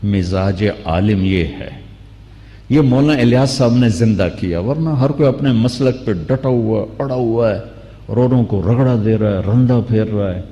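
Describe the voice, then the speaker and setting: A man preaching a sermon, telling a story with acted dialogue that rises into animated outbursts. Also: on the low side, big-room sound. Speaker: Islamic preacher.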